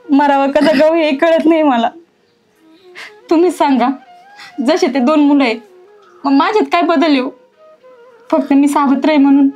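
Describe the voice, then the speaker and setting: A woman's voice: sits high, a little mellow, lo-fi sound, lightly acted. An actress playing a mistreated young stepdaughter, crying and pleading with her father, with faint music behind. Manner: tearful, pleading. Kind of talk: village drama acting.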